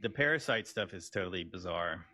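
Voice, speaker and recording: A man's voice: low voice, animated, fairly quick, sharp tone, faint music behind. A man in casual podcast-style conversation. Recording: noisy background ambience.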